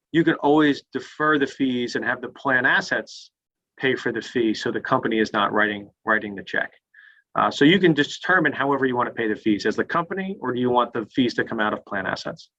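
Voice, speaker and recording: A man walks an online audience through the rules in a plain, step-by-step way, often opening with "so". His voice is bright and forward. It comes through as dull, lo-fi call audio from a screen recording. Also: medium pitch, a little fast. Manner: plain, step-by-step, starts sentences with "so". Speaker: webinar presenter on retirement plans. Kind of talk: explaining and answering audience questions.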